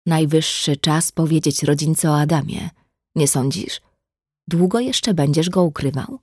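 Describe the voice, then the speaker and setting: A woman reading the lines of a sly, mocking young man who speaks softly and deceptively gently, in an audiobook. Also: deep voice, a little slow, husky, dry recording, clean studio sound.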